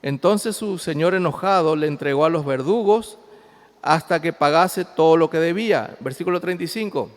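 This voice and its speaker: A pastor preaching a sermon, reading scripture aloud and explaining it, swinging between loud emphasis and quiet asides. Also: male voice, on the high side, moderate pace. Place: church. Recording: long hall reverb.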